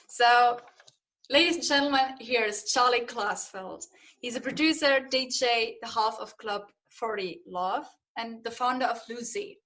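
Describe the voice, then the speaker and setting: A woman's voice: on the high side, sharp tone. Giggly, eager woman podcast host. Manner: eager, giggly, fast-moving questions. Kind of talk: casual interview.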